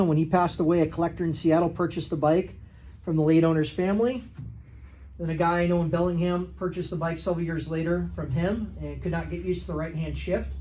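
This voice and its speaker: A restoration shop owner with a higher, mellow male voice walks through a motorcycle he's selling inside his workshop. It's a casual walkaround where he lists details plainly and matter-of-factly, using fillers.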